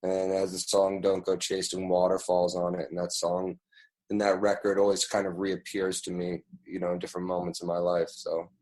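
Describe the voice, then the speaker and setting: A man in his thirties from New York, answering interview questions in an unhurried way with lots of "you know" and pauses. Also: low-pitched, low-quality recording. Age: 30s. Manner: relaxed, unhurried, full of fillers like "you know". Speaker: guest, music producer. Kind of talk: casual interview.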